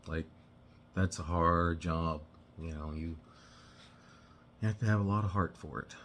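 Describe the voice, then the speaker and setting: Low-voiced man telling a rambling story. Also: a bit bright, a little hiss or hum. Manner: rambling, halting, full of restarts and "you know". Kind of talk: casual personal storytelling.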